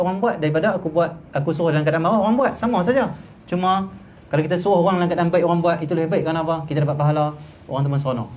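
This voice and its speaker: A man with a Kedah Malay accent teaching a religious class in a private home. He talks in a lively way and acts out grumpy people in raised voices. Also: fairly high pitch, slight background noise.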